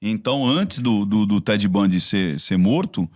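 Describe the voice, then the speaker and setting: On a relaxed podcast, a body-language expert from Brazil speaks at a measured pace in a lowish voice with a Brazilian Portuguese accent. He tells his stories in a lively way, often restarting his sentences.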